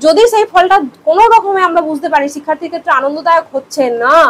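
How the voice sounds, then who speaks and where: A woman's voice: extremely high pitch, rapid-fire, slight background noise, poor audio. A young woman in her twenties giving an exam-prep lecture, explaining with everyday examples and rhetorical questions and mixing in English terms. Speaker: teacher.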